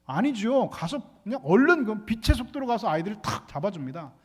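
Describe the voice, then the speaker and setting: Male pastor, emphatic sermon delivery, quick and high-pitched, acts out quoted lines. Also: big pitch swings, slightly rough. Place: church sanctuary.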